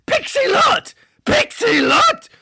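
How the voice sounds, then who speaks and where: Man playing a laddish superhero, comic podcast, raspy gravelly voice, high pitch, rambling, shouty outbursts. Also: moderate pace, heavily acted. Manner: rambling and excitable, bursts into shouts. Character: goofy laddish male superhero chatting about TV.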